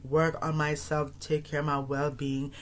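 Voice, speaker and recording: A man's voice: fairly high pitch, little pitch movement, unhurried, a bit bright, a little hiss or hum. Rambling man in his thirties hosting. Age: 30s. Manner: rambling, repeats phrases and restarts often. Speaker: podcast host. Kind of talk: casual solo monologue.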